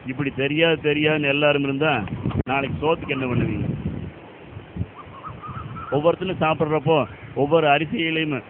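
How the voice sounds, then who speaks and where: A man's voice: fairly high pitch, steady tone, a little fast, long pauses, background noise, close to an everyday voice. A man playing an earnest older village farmer. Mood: lecturing. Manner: earnest, lecturing. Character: older village farmer urging young men to farm. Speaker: elder farmer. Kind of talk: short film acting. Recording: phone-like audio with loud music.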